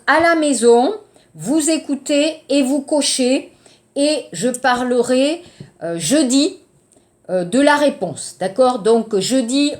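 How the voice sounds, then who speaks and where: A woman teaching a grammar lesson to a class, explaining slowly and checking in often. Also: high voice, darkish tone. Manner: slow, deliberate explaining with checks like ok and d'accord. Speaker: French teacher.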